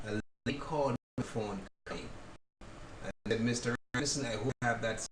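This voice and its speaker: A man guest, a playwright, speaking calmly and plainly in a casual chat. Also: medium pitch, fairly quick. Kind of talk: casual talk show chat. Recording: echoey room, distant mic, audible noise.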